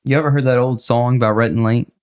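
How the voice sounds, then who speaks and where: A man's voice: mid-range voice, steady tone, fast talker, darkish tone, clean tone. A man co-hosting a podcast, chiming in with short, dry remarks in casual chat. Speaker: podcast co-host.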